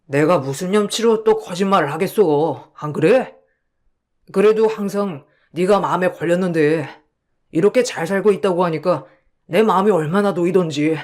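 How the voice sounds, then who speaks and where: A man's voice: sits high, normal speed, lightly acted. A man playing a smug, scheming con artist in a radio drama, coaxing an old school friend and then hurling abuse once he is caught. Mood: wheedling. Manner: wheedling and brazen, turns to abuse when caught.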